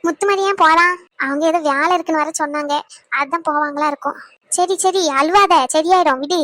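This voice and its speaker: A woman's voice: sits high, fairly quick, bright, forceful tone, dry recording. A woman voicing a caring, fussy mother in a cartoon who consoles her crying daughter. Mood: consoling. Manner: fussing, consoling. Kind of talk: cartoon voice acting.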